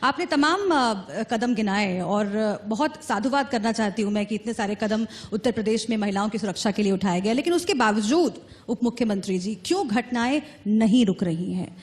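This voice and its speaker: A woman's voice: medium pitch, animated, moderate pace, few pauses. A woman news anchor pressing a politician with pointed, probing questions in a televised interview.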